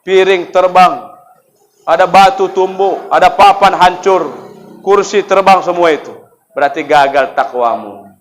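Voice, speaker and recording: A man preaching at a mosque gathering, telling stories lively and asking the congregation rhetorical questions. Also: sits high, a little slow, rough recording. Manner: acts out quoted dialogue in shifting voices. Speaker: Islamic preacher. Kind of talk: sermon at a mosque fast-breaking gathering.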